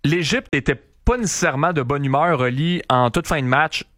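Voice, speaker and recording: A man's voice: on the high side, brisk, fairly bright tone, no room sound, clean studio sound. A man with a Québécois accent hosting a sports show, recapping matches in a conversational way.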